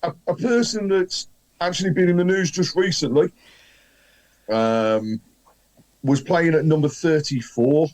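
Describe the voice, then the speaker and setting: A man's voice: on the high side, measured pace, long pauses, a little mellow, low-quality recording. A man hosting a casual football quiz, chatting informally with the other players. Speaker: quiz host.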